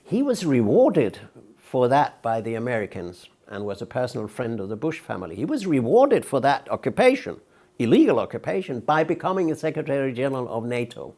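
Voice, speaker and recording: Gravelly older man. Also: mid-range voice, big pitch swings, mellow. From Denmark. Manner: outspoken, emphatic, measured. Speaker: interview guest, peace researcher. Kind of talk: conversational interview answers.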